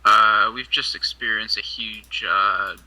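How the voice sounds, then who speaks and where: Man making a flat radio call. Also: on the low side, slow. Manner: clipped call signs ending each call with over. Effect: heard over a game radio. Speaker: squad leader on the radio net. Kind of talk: military radio procedure call. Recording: distant noisy radio voice.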